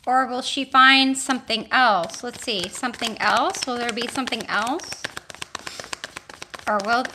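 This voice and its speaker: A woman in her forties chatting casually on a livestream as a tarot reader, thinking aloud and talking warmly to her viewers. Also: a little high, background noise. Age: 40s. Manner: chatty and musing, thinks aloud with restarts and drawn-out exclamations; addresses viewers warmly, with homely blessings.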